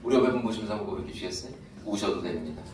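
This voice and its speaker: Deep-voiced man preaching in an echoey church. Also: rapid-fire, noisy background. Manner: emotive preaching, many rhetorical questions. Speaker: pastor. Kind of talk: sermon. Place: church sanctuary. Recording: echoey church hall, distant mic, music.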